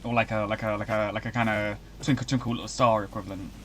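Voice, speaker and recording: A young man chatting casually as he streams a video game, rambling and breaking into excited outbursts. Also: on the low side, quick pace, a little hiss or hum. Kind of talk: casual live-stream commentary.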